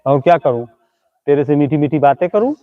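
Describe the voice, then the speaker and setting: A man's voice: fairly high pitch, animated, a little fast. Man mock-scolding ghosts over tinny audio. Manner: mocking, scolding, teasing insults. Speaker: live-stream comedy host. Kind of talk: comic live stream talking to imagined ghosts.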